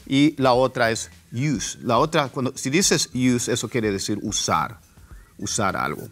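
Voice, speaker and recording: A man teaching an online pronunciation lesson, repeating words slowly for drill. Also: mid-range voice, expressive, a bit bright, faint music behind. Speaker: English teacher.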